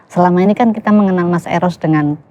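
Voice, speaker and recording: A woman's voice: lowish voice, mellow, slight background noise. A woman hosting a podcast interview, asking questions and affirming her guest often. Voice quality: affirming, quick back-channel. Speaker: podcast host.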